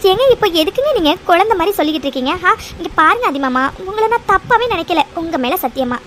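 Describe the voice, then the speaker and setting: A woman's voice: extremely high pitch, animated, fast, a bit bright, a little hiss or hum. A woman voicing a loving, trusting young wife in a cartoon, speaking in a soothing, reassuring way. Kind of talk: cartoon voice acting.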